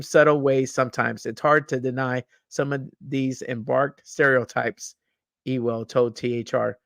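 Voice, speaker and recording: A young man hosts a podcast, reading a news story aloud and ranting over it. His voice has a gravelly edge, and it is recorded dry and close. He stumbles, repeats words and swears freely as he gets worked up. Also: mid-range voice, no room sound. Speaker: podcast host.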